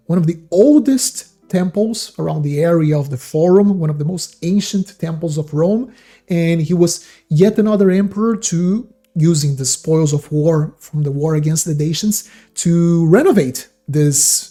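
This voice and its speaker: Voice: medium pitch, dark tone. A channel host giving enthusiastic commentary on ancient coins, explaining terms and often restarting sentences in eager bursts. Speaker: host of a coin-collecting channel.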